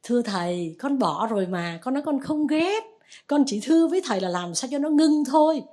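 A woman's voice: high voice, sing-song, a little fast, mellow, pitched above the performer's own voice. A woman voicing a troubled male lay Buddhist disciple who pleads and defends himself. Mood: pleading.

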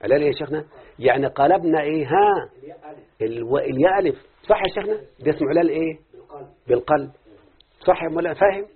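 A man with an Egyptian accent teaching an Arabic grammar class, lively and constantly quizzing his students with questions. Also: on the high side, racing, pauses often. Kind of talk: classroom lesson. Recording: tinny lo-fi phone-like recording.

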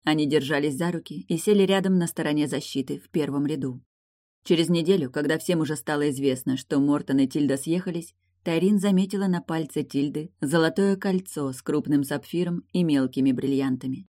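Even audiobook narrator, dry close sound. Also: medium pitch, a little fast, no room sound. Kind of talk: scripted narration.

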